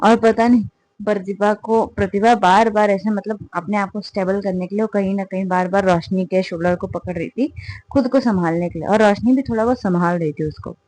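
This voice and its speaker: A woman telling a serialized romance story in a loose, chatty way. Her mid-pitched voice sits close and dry, and she often repeats words as she goes. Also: fairly even intonation, brisk, a little mellow, no echo, poor audio. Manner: conversational, repeats words, switches between voices. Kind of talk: casual story narration.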